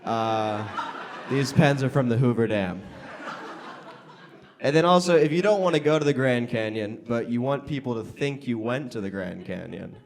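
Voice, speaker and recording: A man's voice: medium pitch, a little mellow, a little hiss or hum. American man doing stand-up crowd work. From Las Vegas, United States. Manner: conversational delivery to a live audience, with pauses and emphatic punchlines. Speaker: stand-up comedian. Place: comedy club stage. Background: audience laughter.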